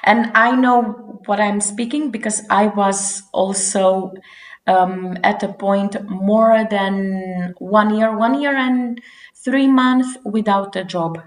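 A Romanian woman in her forties gives earnest answers as an interview guest, often restarting her sentences. She speaks slowly in a steady, medium-pitched voice, and the room has a noticeable echo.

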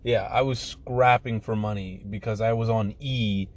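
A man's voice: lowish voice, fairly even intonation, normal speed, darkish tone. A young man just out of school, chatting casually and laid-back with a friend. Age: young adult. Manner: laid-back, says "yeah, man" a lot. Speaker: friend in conversation. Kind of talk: casual chat.

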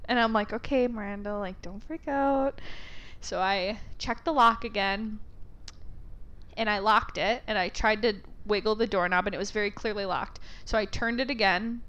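A young woman telling a story in casual chat, animated, laughing often and swearing freely. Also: medium pitch, normal speed, smooth.

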